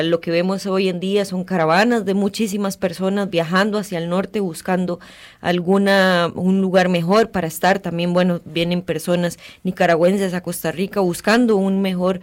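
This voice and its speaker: Community radio host, female, measured and reflective delivery. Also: lowish voice. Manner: calm, thoughtful, with frequent fillers.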